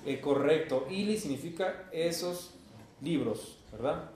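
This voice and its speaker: A man with a Mexican Spanish accent leads a language class at an unhurried pace. He quizzes his students and translates each phrase for them. The recording is full of classroom echo. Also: fairly high pitch, lively intonation, a little mellow. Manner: slow, patient, asks the class questions. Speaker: Esperanto teacher. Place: university classroom.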